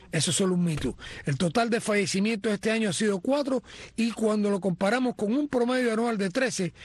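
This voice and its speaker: A man's voice: high-pitched, breathy edge. A man reading a prepared boxing report as a sports commentator. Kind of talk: sports news segment.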